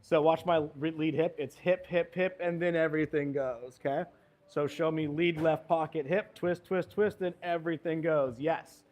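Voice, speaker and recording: A man's voice: on the high side, fairly even intonation, moderate pace, a little mellow. A man coaching a golf lesson, giving short cues and encouragement as the student swings. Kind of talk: hands-on golf lesson instruction.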